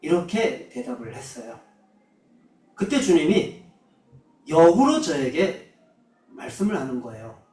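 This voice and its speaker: A man's voice: on the high side, big pitch swings, measured pace, long pauses, a little mellow, a little hiss or hum. A man preaching a sermon as a missionary, telling a personal story earnestly and then closing with solemn exhortation. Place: church hall. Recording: roomy echo, mic at a distance.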